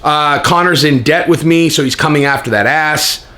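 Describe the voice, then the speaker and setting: A man hosting a fight commentary channel, ranting in a casual, profane, animated way with incredulous rhetorical questions. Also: fairly high pitch, normal speed. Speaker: host of an MMA commentary channel.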